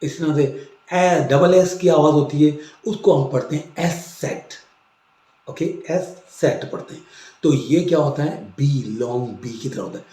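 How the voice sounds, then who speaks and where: Slow, mellow-voiced male language teacher. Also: on the high side, reverberant. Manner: slow, explanatory, repeats words for drilling. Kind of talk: classroom-style language lesson.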